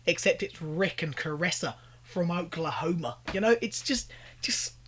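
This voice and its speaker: A man's voice: fairly high pitch, expressive, moderate pace, a bit bright, a little hiss or hum. A young British man giving exasperated, ranting reaction commentary, pleading with the people on screen. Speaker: commentary YouTuber.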